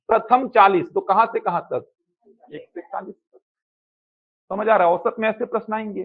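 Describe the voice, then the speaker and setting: A man's voice: high-pitched, vocal fry. A man teaching a live online math class, who asks questions and answers them himself, with a Chhattisgarh Hindi accent. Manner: repetitive, asks and answers his own questions. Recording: tinny phone-like sound.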